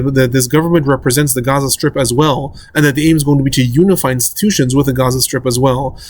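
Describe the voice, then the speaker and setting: Fast-talking man delivering a news analysis. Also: a little high. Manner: measured, reads quotes aloud, explains implications. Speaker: political science fellow presenting a daily news report. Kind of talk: scripted daily news analysis.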